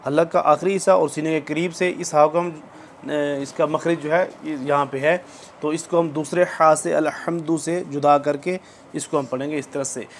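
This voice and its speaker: A man teaching tajweed, giving quick explanations between slow, drawn-out recitations. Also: a little high, slight background noise. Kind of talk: tajweed lesson, explaining then reciting slowly.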